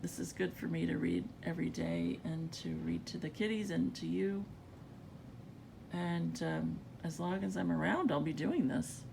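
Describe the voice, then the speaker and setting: A woman's voice: normal speed, a little mellow, rough recording. A woman with a groggy, just-woke-up morning voice, reading scripture aloud in an informal way. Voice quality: gravelly, creaky. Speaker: scripture reader. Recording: rumbly background noise.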